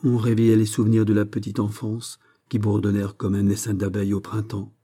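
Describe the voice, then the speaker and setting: A man reading a literary short story aloud in a measured, even narration. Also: lowish voice, breathy edge. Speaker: audiobook reader.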